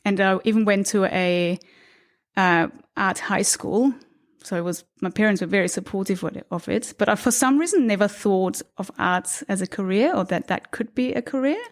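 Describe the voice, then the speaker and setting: Recorded in an apartment, an Austrian woman in her thirties is a podcast guest in a relaxed interview. She speaks in a mid-range voice at normal speed, thoughtful in tone, with an occasional light laugh.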